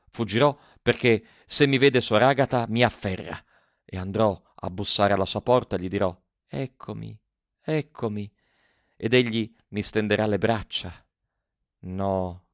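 A man's voice: fairly low pitch, vocal fry, dry recording, muffled recording. A man voicing a frightened young novice nun who is losing her mind, reading her diary in a pleading, feverish way with repeated cries. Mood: yearning. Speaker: audiobook reader.

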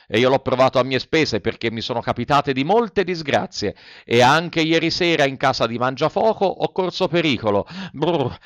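A man voicing a naive, excitable wooden puppet boy who speaks eagerly. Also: mid-range voice, no echo, close to an everyday voice. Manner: eager, wide-eyed.

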